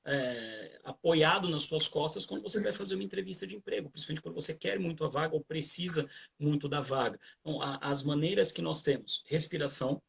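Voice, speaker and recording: A man's voice: a little high, brisk, creaky, a bit bright, slightly rough. A Brazilian man, a guest trainer on a livestream video call, giving conversational advice with hesitant restarts and repeated fillers.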